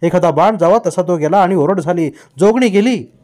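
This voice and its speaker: A man's voice: sits high, fairly even intonation, a little fast, darkish tone. A man reading a novel aloud as an audiobook, narrating with vivid storytelling. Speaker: audiobook reader.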